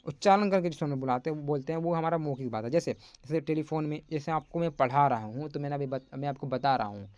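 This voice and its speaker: A man's voice: fairly high pitch, no room sound. Chatty young male teacher, dry close sound. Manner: chatty, repeats "friends" often. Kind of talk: casual online lecture.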